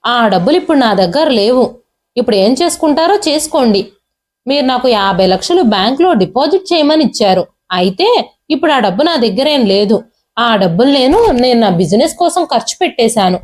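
Woman narrator as cruel rich son, harsh and dismissive, shouting, high-set voice. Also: animated, fairly quick, natural voice. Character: arrogant cruel young man, a rich son.

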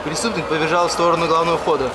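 A man's voice: on the high side, level tone, racing, background noise. A male security officer giving clipped call signs and a report over a walkie-talkie radio outdoors.

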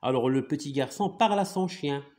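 A man's voice: on the high side, a little fast, a little mellow. A man with a Moroccan accent teaching a reading lesson, patiently spelling out letters and sounds and switching into Moroccan Arabic to explain.

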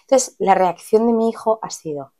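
A woman's voice: medium pitch, expressive, moderate pace, dark tone. A woman, chatting casually to camera in a rambling way, acting out what others said. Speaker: vlogger.

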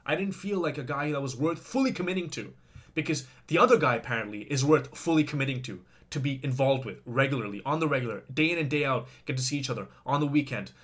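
A man's voice: mid-range voice, fast talker, a bit bright. A man venting in a confessional vlog, swearing heavily, repeating himself and talking straight to his viewers. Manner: heavy swearing, angry and venting; repetitive, speaks directly to viewers. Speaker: vlogger. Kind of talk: confessional rant to camera.

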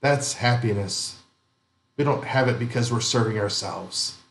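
A man's voice: mid-range voice, unhurried, reverberant, slight background noise. A male pastor giving a conversational sermon, asking the congregation questions and adding light humor. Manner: conversational, gently humorous preaching with rhetorical questions. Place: church sanctuary.

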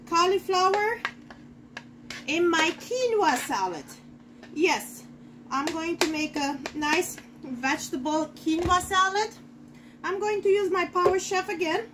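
A woman's voice: extremely high pitch, noisy background. A middle-aged woman giving a casual cooking demonstration in her home kitchen, chatting to viewers as she works. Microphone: fixed camera in front of the counter.

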